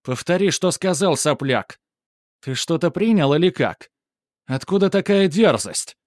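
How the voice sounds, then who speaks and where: A snarling, arrogant schoolboy bully, put on by a man narrating a story. He shouts his insults in a raised, strained pitch, always ready to pick a fight. The sound is dry and close, with no room around it. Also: a little slow, no echo, natural voice. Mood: furious. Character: arrogant teenage schoolboy bully, hot-tempered.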